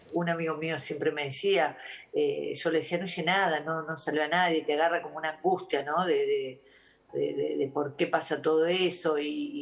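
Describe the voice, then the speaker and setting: A woman with an Argentine accent, a doctor giving interview testimony in a halting, reflective way, with many restarts and fillers. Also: deep voice, creaky. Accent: Argentine Spanish.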